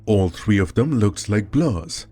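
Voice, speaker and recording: A man narrating a scripted horror story as storyteller, with dramatic, expressive delivery. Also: fairly low pitch, takes it slowly, breathy edge, soft background music.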